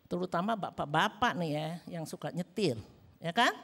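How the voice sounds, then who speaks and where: A woman pastor with an Indonesian accent preaching a sermon, telling lively stories and acting out the dialogue. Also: lowish voice, normal speed, creaky. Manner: lively storytelling, acts out dialogue.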